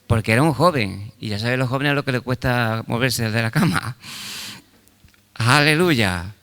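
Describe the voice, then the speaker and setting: A man's voice: mid-range voice, normal speed, a bit bright, clean tone, in a large hall. An older man, preaching a sermon fervently. He keeps firing rhetorical questions at the congregation and breaking in with short exclamations of praise. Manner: fervent preaching with call-and-response questions and frequent interjections. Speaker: pastor.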